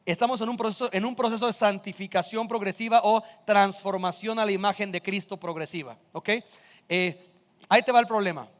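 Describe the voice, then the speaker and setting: High-voiced man preaching conversationally. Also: brisk, in a large hall. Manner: conversational preaching with rhetorical questions. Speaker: pastor. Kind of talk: sermon.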